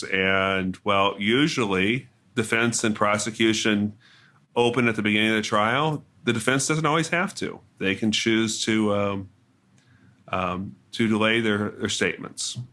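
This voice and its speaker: A man reporting from a courtroom trial, answering questions in a hesitant, halting way with many restarts. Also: fairly low pitch, sharp tone. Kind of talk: interview answers.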